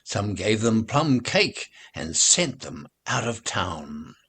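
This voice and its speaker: Reading nursery rhymes to children, a man uses a fairly low voice with a breathy edge. His recital is sing-song, expressive and carefully deliberate.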